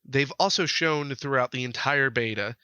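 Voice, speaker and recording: A man's voice: mid-range voice, bright, forceful tone, smooth, dry recording. A man co-hosting a casual gaming podcast, playful and joking as he talks. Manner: playful, joking, quick to laugh. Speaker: podcast co-host.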